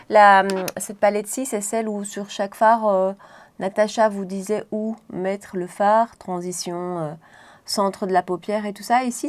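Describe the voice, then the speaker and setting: A beauty vlogger talks viewers through her makeup in a loose, chatty home-tutorial style, often doubling back to correct herself. Her voice sits a little high for a woman.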